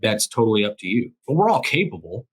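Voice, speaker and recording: A man's voice: fairly low pitch, big pitch swings, fast talker, breathy edge. A man, a former police officer and crisis coach, speaking as an interview guest in an emphatic way, often repeating phrases for emphasis. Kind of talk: casual interview conversation.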